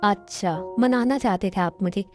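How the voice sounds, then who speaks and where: A woman's voice: mid-range voice, moderate pace, soft background music, close to an everyday voice. A woman voicing a young pregnant wife who reproaches her husband in a fan-dubbed drama. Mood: reproachful. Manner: reproachful, hurt. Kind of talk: Hindi fan dub drama.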